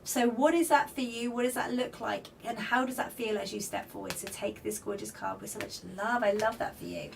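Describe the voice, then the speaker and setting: On a livestream, a tarot card reader with a slightly croaky, fairly high voice reads spirit cards and offers flowing spiritual guidance. She's animated and talks a little fast with few pauses, reading comments aloud and greeting viewers by name as she chats. The mic sounds slightly distant, with faint background noise.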